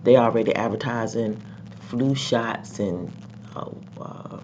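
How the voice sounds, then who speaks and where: In a dull lo-fi recording with faint noise behind it, a sick vlogger talks slowly to viewers in a mid-range, darkish voice. It's casual commentary, congested and rambling, packed with ums and repeated words.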